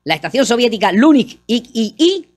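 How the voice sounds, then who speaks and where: A man's voice: very high-pitched, big pitch swings, moderate pace. A Spanish man in his seventies co-hosting a comic radio show, reading historical dates aloud and turning them into puns and teasing jokes. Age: 70s. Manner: punning, jokey, teasing, laughs often. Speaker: radio comedy co-host. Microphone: studio microphone.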